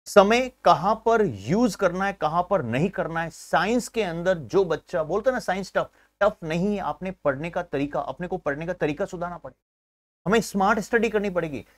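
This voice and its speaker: A man teaching an exam-prep science class, energetic, building memory tricks and calling viewers his friends. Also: high voice, moderate pace, dry recording. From India. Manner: energetic, uses memory tricks and asks himself questions; keeps addressing viewers as friends.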